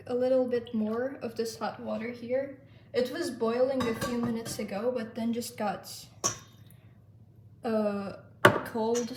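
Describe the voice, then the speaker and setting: Baking at home, a young woman whose first language is Turkish narrates her vlog casually, full of fillers. She sounds rather high and slightly mellow, recorded from afar in an echoey kitchen with faint background noise.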